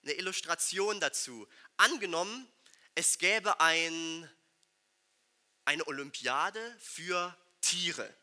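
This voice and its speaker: A man's voice: on the high side, animated, takes it slowly, bright, forceful tone. A man giving a sermon to a congregation, speaking emphatically and putting rhetorical questions straight to his listeners. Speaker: preacher.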